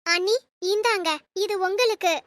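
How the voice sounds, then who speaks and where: A woman's voice: very high voice, moderate pace, a bit bright, no room sound, clean studio sound. A woman voicing a kind, affectionate young woman in a Tamil cartoon, eager and sweet in manner. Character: kind, generous young woman, devoted to her family.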